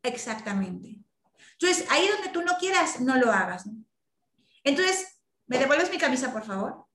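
A woman's voice: high voice, big pitch swings, moderate pace, a bit bright, reverberant. A woman leading a group talk, emphatic and acting out quoted lines. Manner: emphatic, acts out quoted speech. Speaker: workshop leader. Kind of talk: group talk over video call.

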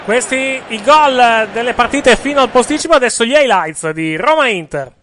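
A man's voice: very high-pitched, expressive, normal speed, a bit bright, a little hiss or hum. A man hosting a football show in an informal, conversational, improvised way. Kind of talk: informal sports show presenting.

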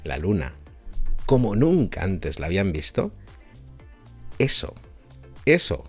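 A man with a Spanish accent from Spain, a science communicator telling a story to his viewers in a lively, laughing way, often adding a checking "¿no?". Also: low-pitched, slow, slightly rough, soft background music.

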